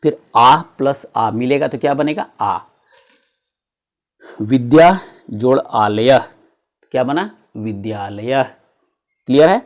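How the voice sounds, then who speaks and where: A man's voice: mid-range voice, slow, pauses often. Man teaching a grammar lesson. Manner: explains step by step, asks rhetorical questions.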